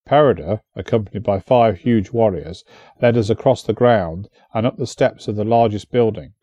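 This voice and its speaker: A man narrating an audiobook in a measured storytelling manner on a close studio mic. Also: on the low side, dark tone, dry recording, dull audio.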